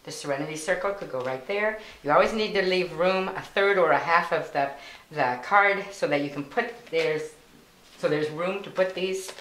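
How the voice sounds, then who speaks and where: A woman's voice: lowish voice, normal speed, fairly bright tone. A woman giving patient, step-by-step instructions for a card-making craft, with plain wording and small fillers. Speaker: volunteer instructor. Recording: echoey room with faint noise.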